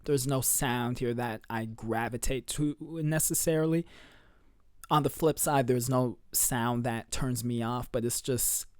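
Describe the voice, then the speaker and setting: A young man talks through tracks in a relaxed, slangy way, trailing off and filling pauses as he weighs each one. His voice sits at an ordinary middle pitch, picked up on a close mic in a dry, dead room. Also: clean tone, no echo. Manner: laid-back, slangy, with fillers and trailing off. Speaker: music reviewer. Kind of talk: casual review commentary.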